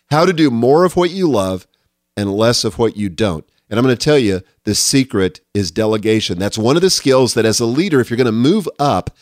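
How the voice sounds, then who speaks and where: A man's voice: mid-range voice, dry recording. Middle-aged guy doing a solo podcast, earnest and punchy, dry close sound. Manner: earnest, emphatic, lists numbered lessons. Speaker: podcast host. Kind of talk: solo leadership podcast monologue.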